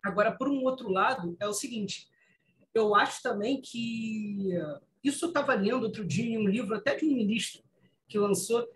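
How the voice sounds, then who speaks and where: A woman's voice: a little high, normal speed, rough recording. A woman, a student, tentatively putting a question to her professor.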